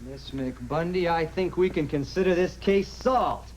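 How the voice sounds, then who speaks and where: Man playing a high-voiced deadpan noir detective. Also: unhurried, a little hiss or hum, lightly acted, poor audio. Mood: deadpan, suave. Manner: deadpan, wisecracking. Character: hard-boiled, deadpan male detective in a noir parody. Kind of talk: noir detective parody acting.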